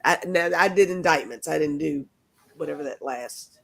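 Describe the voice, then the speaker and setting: A woman reading divination cards in a casual group chat, halting with restarts. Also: low voice, gravelly. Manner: halting, restarts, laughs often. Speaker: card reader.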